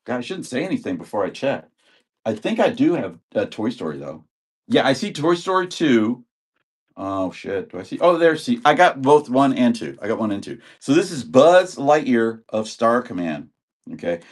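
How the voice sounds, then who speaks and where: Still getting over an illness, a man in his sixties chats and rambles while auctioning videotapes on a live stream, welcoming viewers by name. He speaks at a moderate pace in a sing-song, mid-range voice.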